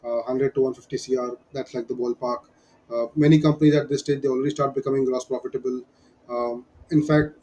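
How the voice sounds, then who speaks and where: Male business explainer, Indian accent, slightly high pitch, soft-edged tone, emphatic advisor who drives points home by repetition. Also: low-quality recording. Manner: emphatic, repeats key points. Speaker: business advisor teaching startup fundraising. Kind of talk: explanatory lesson.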